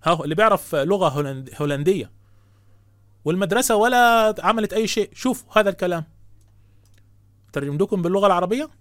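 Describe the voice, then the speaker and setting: An Egyptian man with a high voice delivers indignant religious commentary at a rapid clip. He scolds his listeners with rhetorical questions. The sound is dry and close. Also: lively intonation, a bit bright, no room sound. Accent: Egyptian Arabic. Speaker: host taking calls.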